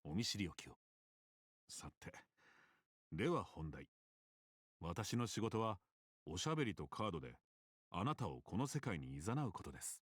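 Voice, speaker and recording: A man voicing a calm, courteous male game master who narrates the game softly and politely, close to the ear. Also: low-pitched, slightly rough, dry recording, full character voice. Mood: welcoming. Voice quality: soft, intimate, close to the ear. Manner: polite and measured.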